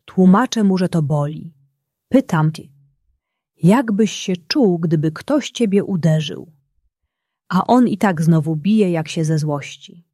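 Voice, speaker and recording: A woman voicing a loving, patient mother who speaks calmly and softly. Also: fairly low pitch, slow, dry recording, clean studio sound. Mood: weary. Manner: calm, soft-spoken.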